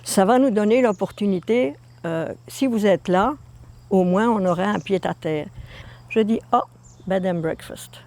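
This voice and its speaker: An older woman from Belgium, telling her immigration story in a documentary with lively, repetitive emphasis. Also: medium pitch, unhurried. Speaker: interviewee. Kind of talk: documentary testimony.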